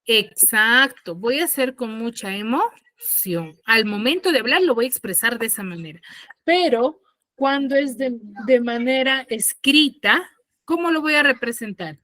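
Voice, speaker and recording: A woman's voice: on the high side, lively intonation, unhurried, sharp tone, no echo. A woman teacher giving an online grammar lesson on a video call, patiently checking in with her pupils after each point. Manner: patient, asks pupils frequent check-in questions.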